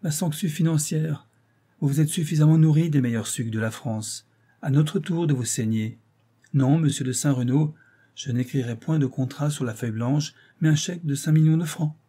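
A man's voice: a little high, normal speed, warm tone, breathy edge, voice pushed up. A male audiobook reader voicing a scornful, cruel young actress who taunts her lover with icy mockery. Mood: mocking. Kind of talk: audiobook reading.

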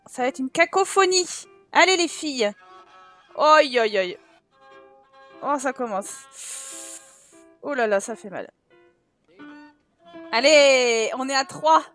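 A high-pitched woman commenting on a life-sim game as she plays, chatty and expressive. She talks to the viewers in a casual, lively way. Faint game music sits underneath her voice. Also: measured pace, long pauses. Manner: chatty and expressive, full of exclamations and fillers. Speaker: gaming channel host. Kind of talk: casual let's-play commentary.

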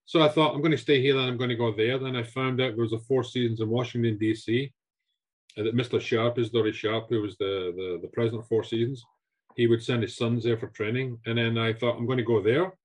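Calling in from his shelved home room, a sixtyish Scottish guest chef recounts his career with animation, repeating words and using his hands. His voice is mid-range and fairly quick.

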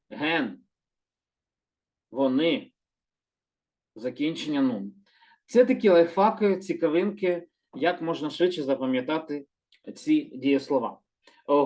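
A man teaching a calm, slow lesson, gently repeating words and patiently correcting himself. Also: a little high. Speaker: Hebrew teacher.

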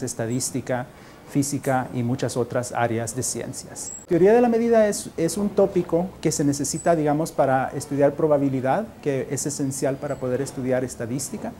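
A man, a mathematics professor explaining his course in an interview, measured and explanatory. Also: mid-range voice, warm tone, slight background noise. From El Salvador. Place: university classroom.

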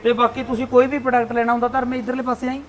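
A man interviewing customers at a shop, chatty and brisk, prompting with short questions. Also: very high voice, monotone.

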